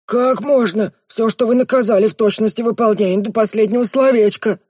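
Lenny, a high wheedling sly servant. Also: male voice, fairly quick, darkish tone, breathy edge, no echo, clean studio sound. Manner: wheedling, excuse-making, stammers when scared. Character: sly fawning red-haired male servant, wheedling.

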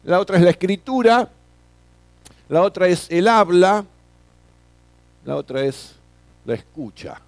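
A man's voice: high-pitched, expressive, measured pace, pauses often, no echo. A middle-aged man teaching a classroom lecture, often tagging his sentences with questions and repeating words.

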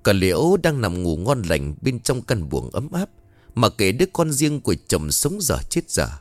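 A man narrating a dramatic ghost story in an expressive, lively way. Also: on the low side, moderate pace, no echo, faint music behind.

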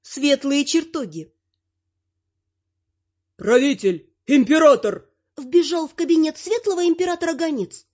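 A woman narrating a fantasy audiobook with even, expressive storytelling. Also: high voice, brisk, hardly any pauses, dull audio.

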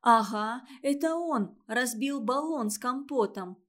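A woman plays a spoiled little storybook girl, sly and quick-tongued, wheedling and lying in a high, ringing voice. She chatters without pause. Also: lively intonation, fairly bright tone.

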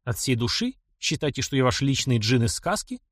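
A man's voice: medium pitch, big pitch swings, a little fast, a bit bright, dry recording, studio quality. A man voicing a blunt, earnest young male engineer who speaks plainly and directly.

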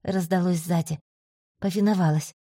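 Mellow-voiced woman narrating a story. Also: lowish voice, fairly even intonation, moderate pace, husky, dry recording, studio quality. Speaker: audiobook narrator. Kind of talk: first-person scripted narration.

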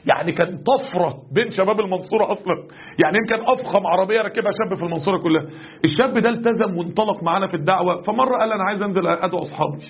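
A man preaching an Egyptian colloquial sermon lesson, animated and full of rhetorical questions. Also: sits high, racing, slightly rough. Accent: Egyptian Arabic. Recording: tinny lo-fi recording.

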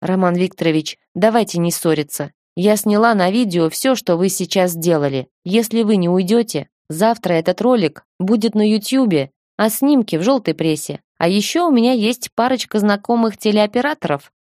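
A woman's voice: mid-range voice, lively intonation, a little mellow, no echo, clean studio sound, close to an everyday voice. Woman reading as a bold cheeky young woman. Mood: defiant. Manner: brisk, cheeky threats.

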